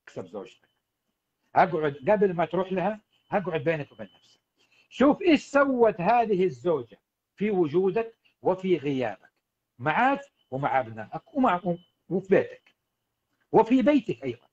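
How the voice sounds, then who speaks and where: A man's voice: high-pitched, big pitch swings, fairly quick, lo-fi sound. A man, a marriage coach giving earnest advice to husbands on a livestream. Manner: earnest, exhorting, addresses husbands directly. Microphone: livestream setup.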